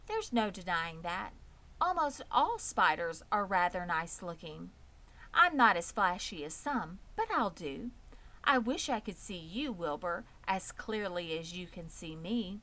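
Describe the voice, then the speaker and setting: A woman's voice: lowish voice, sing-song, measured pace, pushed and bright, heavily acted. A woman voicing a poised, pleasant and proud female spider in a children's storybook, composed, precise and matter-of-fact. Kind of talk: children's storybook read aloud.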